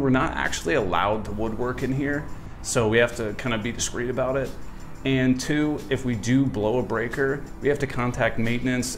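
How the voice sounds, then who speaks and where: Chatty young man touring his garage shop. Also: medium pitch. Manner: friendly, chatty, dry humor. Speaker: woodworking channel host. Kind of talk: casual shop tour. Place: small one-car garage workshop. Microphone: wireless lapel mic.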